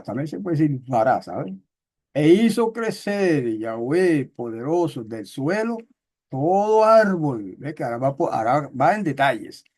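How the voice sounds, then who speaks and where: A man teaching a Bible study, explaining words step by step and slowly reading out text in another tongue, with many fillers and checks on his listeners. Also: on the high side, a little mellow. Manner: slow, careful reading of Hebrew text.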